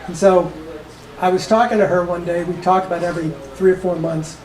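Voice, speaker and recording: A woman's voice: on the low side, steady tone, a little fast, darkish tone, distant mic. A woman in her sixties, a coach, giving a casual talk with chatty, laughing asides while losing her voice. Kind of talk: casual talk to a small audience. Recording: echoey room with audience noise.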